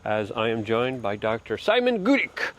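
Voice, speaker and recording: A man's voice: medium pitch, big pitch swings, normal speed, a bit bright. Rambling man on a walk. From Poland. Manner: rambling with fillers and restarts. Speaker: host. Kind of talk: casual walk-and-talk commentary. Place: outdoors on a walk.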